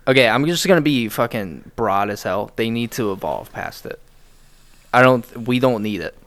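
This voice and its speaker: A man's voice: mid-range voice, lively intonation, moderate pace, fairly bright tone. A man with an American accent chatting casually, blunt, sweary and rambling. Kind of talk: casual chat.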